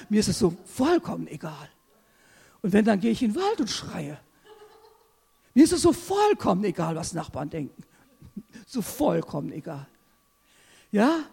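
A preacher giving an impassioned sermon, swinging from loud exclamations to hushed asides. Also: mid-range voice, vocal fry, husky, in a large hall.

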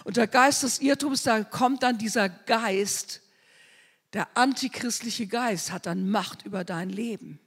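Woman, preacher, fervent sermon, husky voice, long hall reverb. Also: fairly high pitch, measured pace. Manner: fervent, swinging between loud declarations and hushed asides.

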